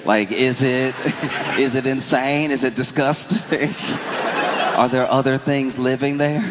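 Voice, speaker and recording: A man's voice: mid-range voice, fairly even intonation, a little slow. Man doing loose stand-up. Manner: loose, conversational, riffing. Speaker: stand-up comedian. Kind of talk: stand-up comedy. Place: comedy stage. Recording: reverberant venue with crowd noise.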